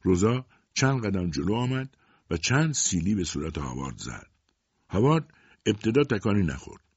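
Deep, husky man narrating a story. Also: darkish tone, no echo, dull audio.

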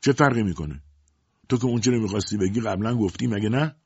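A man's voice: low-pitched, big pitch swings, husky, lo-fi sound, full character voice. A man voicing a resentful young son answering his mother curtly in a storybook reading. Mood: defensive. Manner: defensive, curt.

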